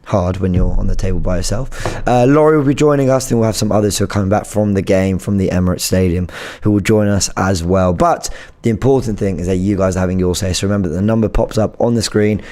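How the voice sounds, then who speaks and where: A man with a low, hoarse voice that sounds worn out. He presents a fan channel in a casual way, with a dark, mellow tone. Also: fast talker. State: hoarse, lost voice.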